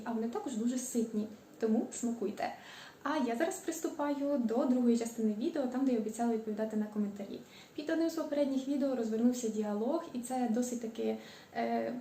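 A woman from Ukraine chatting casually in a home cooking vlog, stretching out the ends of words and pausing on filler sounds. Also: fairly high pitch, warm tone. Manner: stretches out word endings; frequent hesitant fillers. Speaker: cooking vlogger. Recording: echoey room.

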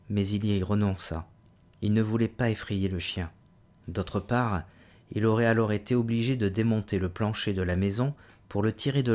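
A man with a fairly low voice reads a novel aloud as an audiobook. His reading is steady and measured, and it rises louder and higher when he voices the hero's cries. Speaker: audiobook reader.

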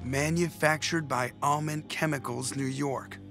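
A man's voice: on the high side, steady tone, a little slow, over music. A man voicing a teenage mutant turtle who leads his brothers with commanding, urgent orders. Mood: firm.

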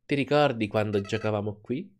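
A man reading aloud the lines of a sad talking flower with a lost boy's soul, in a quiet storytelling way for a video game. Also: lowish voice, fairly quick, a little hiss or hum, close to an everyday voice. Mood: wistful.

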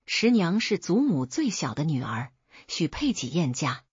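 A woman narrating a folk tale in a measured storytelling read, voicing the characters' lines herself. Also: sits low, sing-song, breathy edge, no echo. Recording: dull lo-fi dry recording.

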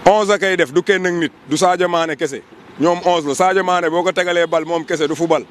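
A young man in a street interview by a roadside, talking emphatically into a handheld microphone. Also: fairly high pitch. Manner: emphatic, switching between French and Wolof. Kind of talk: casual street vox pop. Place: busy roadside outdoors. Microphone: handheld mic held by interviewer. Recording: faint traffic noise outdoors.

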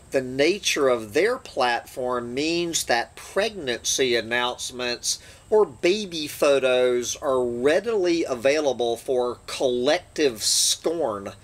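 A man hosting his channel, reading an essay aloud with dry, sardonic asides between passages. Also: medium pitch. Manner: slow, deliberate reading with sardonic asides and throat-clearing.

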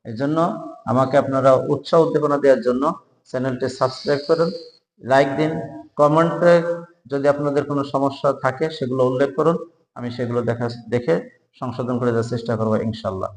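A man teaching spelling for job exams, who spells each word out slowly, letter by letter, and urges viewers to subscribe. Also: medium pitch, steady tone. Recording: echoey room with long reverb.

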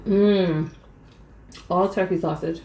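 A woman's voice: on the low side, fairly even intonation, takes it slowly, warm tone, roomy sound, slight background noise. A young woman chatting to viewers between bites in a casual eating vlog. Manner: chatty, addresses viewers as y'all, eats between sentences. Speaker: mukbang vlogger. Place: small room at home, indoors.

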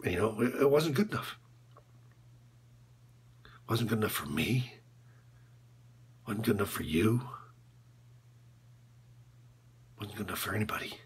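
A man acting a film monologue gives a full character voice to a bitter, disillusioned college basketball coach admitting corruption. His voice sits a little high, pushed and bright with a husky edge and big swings in pitch, and he sounds defeated and ashamed. He talks haltingly, repetitively and sardonically, shifting between muttering and outbursts.

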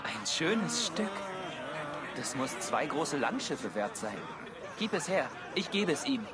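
A teasing, cocky young Norse prince for a video game. His voice is highish and lively, amid a noisy crowd. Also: takes it slowly. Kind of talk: video game drama acting. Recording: loud crowd and noise behind.

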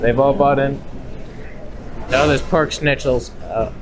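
A vlogger in his thirties films himself on a handheld camera held at arm's length while walking through a market and outdoors. His mid-range voice stays steady and slow as he adds wry, joking asides. Crowd noise and other ambient sound fill the noisy recording.

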